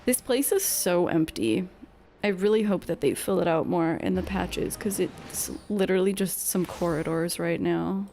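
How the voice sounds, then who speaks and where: A woman's voice: fairly low pitch, moderate pace, warm tone, a little hiss or hum. A young woman streamer chatting casually while gaming, swearing and laughing at herself.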